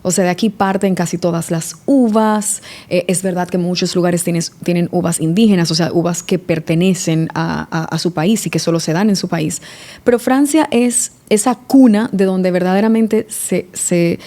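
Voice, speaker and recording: A woman's voice: on the low side, normal speed, mellow. A woman from the Dominican Republic, a sommelier guest talking through her answers in a casual podcast interview, with many small restarts. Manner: reflective, restarts often, eh fillers.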